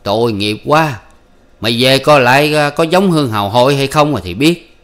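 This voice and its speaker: A man's voice: mid-range voice, animated, normal speed, fairly bright tone, pitched above the performer's own voice, natural voice. A male audiobook reader voicing a blunt, teasing older village official who mocks a simple farmer. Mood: mocking. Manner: teasing, blunt, laughing at others.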